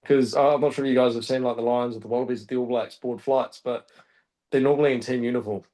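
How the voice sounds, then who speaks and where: A man from Australia talks as a guest reporter on a podcast. His speech is casual and searching, with an average-pitched voice. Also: steady tone, quick pace, warm tone. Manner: thinks aloud, hesitant with fillers and restarts. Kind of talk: casual chat.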